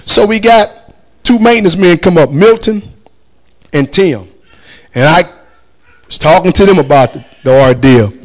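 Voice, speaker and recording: A man's voice: on the high side, a little slow, long pauses. A man telling a story casually, acting out the people he quotes and laughing as he goes. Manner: animated, acts out quoted voices, laughs often.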